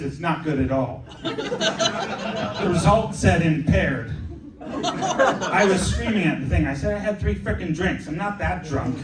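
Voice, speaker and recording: A man's voice: fairly high pitch, a little hiss or hum. A young man doing a stand-up comedy set in a club, rambling and self-deprecating, breaking off into asides. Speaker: stand-up comic. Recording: echoey club from a distance. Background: audience laughter.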